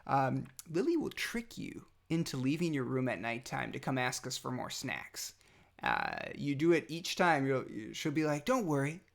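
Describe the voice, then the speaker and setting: A man's voice: medium pitch, very animated, moderate pace, vocal fry. A young adult man recording a rambling, affectionate birthday message to his little son a few days after nose surgery. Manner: rambling and affectionate, many fillers and restarts. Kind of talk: casual personal message.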